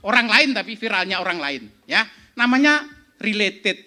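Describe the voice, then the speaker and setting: A man's voice: sits high, expressive, normal speed, sharp tone. A middle-aged man giving a seminar talk, quizzing the audience as he goes. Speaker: speaker at an entrepreneurship seminar. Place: event hall.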